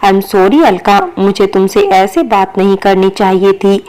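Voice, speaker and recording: A woman voicing an apologetic male office boss in a storybook reading, speaking in a gentle, pleading way. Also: medium pitch, little pitch movement, a little slow, clean tone, lightly acted.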